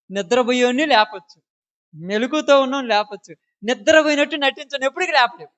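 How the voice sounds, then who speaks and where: A woman's voice: a little high, fairly bright tone, muffled recording. A woman preaching an informal sermon who scolds her listeners and keeps asking them rhetorical questions.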